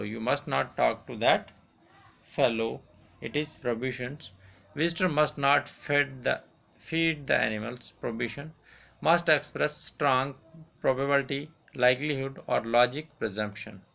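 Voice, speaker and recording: A male teacher with a gravelly, creaky voice, pitched mid-range. He reads grammar rules and example sentences aloud, saying each one twice at a deliberate dictation pace. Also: a bit bright. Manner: repeats each example sentence slowly, switches to Hindi to explain. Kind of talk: grammar lesson, read aloud and repeated.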